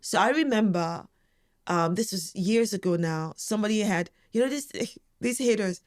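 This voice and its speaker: A forthright woman in her forties speaks as an interview guest with a firm, emphatic delivery. Her voice sits at an ordinary middle pitch. She talks candidly and openly in a relaxed conversation. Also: normal speed. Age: 40s.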